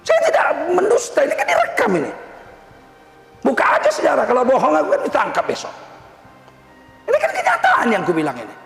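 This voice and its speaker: A man, preaching in a humorous, emphatic way, often leaping up in pitch. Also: wildly swooping pitch, a little fast, gravelly, pauses often, fairly bright tone, soft background music. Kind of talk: religious lecture. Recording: echoey hall, long reverb, faint noise.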